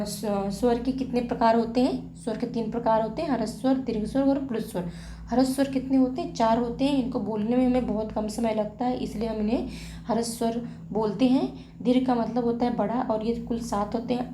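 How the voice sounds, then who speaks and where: A woman teaching grammar in a slow classroom way, asking questions and then answering them herself, and repeating key terms. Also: on the high side, warm tone. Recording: echoey room with faint hiss.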